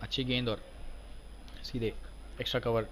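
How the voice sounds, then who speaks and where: A man giving excited live cricket commentary as a sports commentator. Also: medium pitch, moderate pace, a little hiss or hum. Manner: excited cricket commentary, voice surging on big shots.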